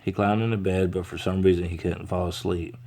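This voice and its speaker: A deep-voiced man reads a children's picture book aloud. He now and then stumbles and restarts over words as he goes. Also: little pitch movement, fairly quick, mellow. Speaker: reader.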